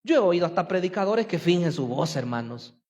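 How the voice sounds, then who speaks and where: A man pastor preaches in an earnest, questioning way, his voice sitting unusually high for a man. Long reverb hangs after each phrase, as in a large church hall. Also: very animated, brisk, darkish tone. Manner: earnest, asks the congregation rhetorical questions. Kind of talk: sermon.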